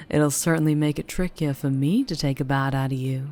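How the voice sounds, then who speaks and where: In an intimate ASMR roleplay, a woman with a Southern US accent plays a flirtatious, troubled, protective vampire. She speaks softly and haltingly in a deep voice, with music in the background.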